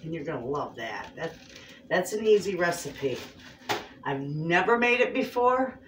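A homestead cooking vlogger in her fifties chats to the camera in a homey way while cooking in her home kitchen. Her low voice is very animated yet unhurried. A far-off camera on a tripod catches her from a distance, giving an echoey kitchen sound with faint noise.

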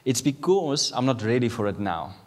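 With a mid-range, sing-song voice at a moderate pace, a South African man in his thirties, a native Afrikaans speaker, preaches as a guest in a large indoor church. He holds a handheld mic, speaks with a South African accent, and often chuckles before rising to emphatic statements.

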